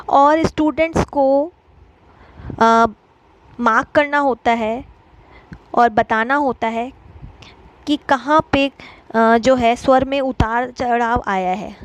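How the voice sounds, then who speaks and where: A woman teaching an exam-prep lesson, explaining step by step with frequent filler pauses. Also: high voice, poor audio.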